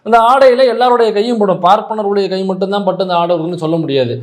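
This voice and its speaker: Man, political speech, emphatic, argumentative, rapid. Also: sits high. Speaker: political speaker. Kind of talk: public speech.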